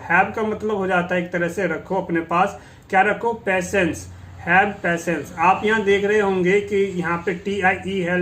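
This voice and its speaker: Indian man with a higher voice, Hindi native, patient English teacher who works through each phrase and answers his own questions. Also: fairly bright tone. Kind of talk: spoken English lesson.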